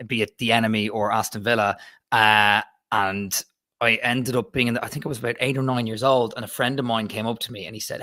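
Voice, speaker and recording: An Irish man in his thirties chats as a guest, his bright voice recorded close and dry. He tells his stories freely, often restarting his sentences as he goes. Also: mid-range voice, dry recording. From Ireland. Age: 30s. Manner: chatty storyteller with frequent restarts. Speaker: podcast guest. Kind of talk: casual chat.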